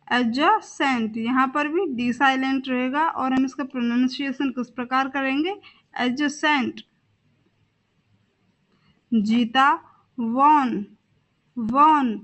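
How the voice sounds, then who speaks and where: Teaching vocabulary, a young woman who is an English teacher speaks in a high-pitched, somewhat bright voice. Each word gets said twice, and she spells words out one letter at a time.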